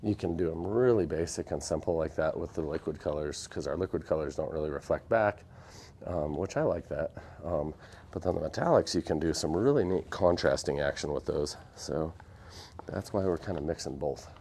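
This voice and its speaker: A man's voice: very deep voice, normal speed, warm tone, husky. A young man chatting casually and self-deprecatingly with viewers while demonstrating epoxy on a live stream in a workshop. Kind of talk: casual live demo chat. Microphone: phone camera.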